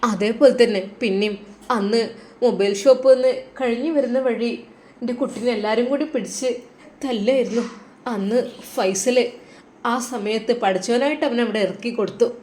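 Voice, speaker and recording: A woman with a Malabar Malayalam accent, narrating a religious family story in an earnest, quietly dramatic way. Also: on the high side, moderate pace, a little hiss or hum.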